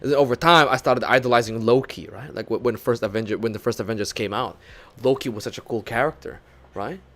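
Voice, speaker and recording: A man's voice: mid-range voice, fast talker. A young Filipino man with a Filipino English accent chatting casually on stream, swearing and laughing as he tells stories and answers chat. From Philippines. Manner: animated, swearing, laughing storyteller. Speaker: VTuber streamer.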